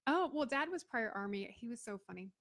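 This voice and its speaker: This middle-aged Florida woman, a business owner and veteran, is a guest in a casual storytelling interview. Her voice is a little high, expressive, and fairly bright, moving briskly with no room sound. She's chatty and acts out the voices of people in her stories.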